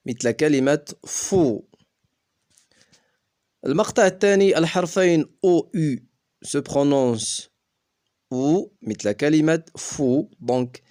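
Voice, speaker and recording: Slow, deliberate male teacher. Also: on the high side, darkish tone. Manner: slow, deliberate letter-by-letter spelling. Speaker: French teacher. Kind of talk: pronunciation lesson.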